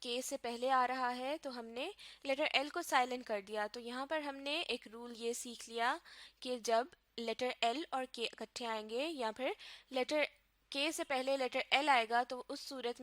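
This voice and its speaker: A woman from Pakistan teaching a recorded lesson, her voice sitting a little high. She explains slowly and carefully, spelling words out letter by letter. The sound is dry, with no room around it. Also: fairly bright tone, dry recording.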